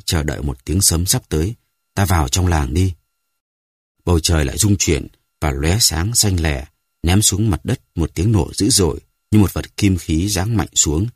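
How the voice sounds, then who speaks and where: A man narrating a dramatic story in a measured, dramatic way. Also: low voice, husky, no room sound, clean studio sound.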